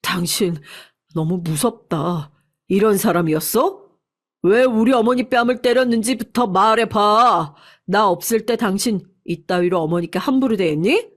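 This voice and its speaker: A woman's voice: medium pitch, a little slow, lightly acted. Woman reading an enraged young husband. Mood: angry. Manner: sharp, demanding questions. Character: angry young husband, shocked and confronting.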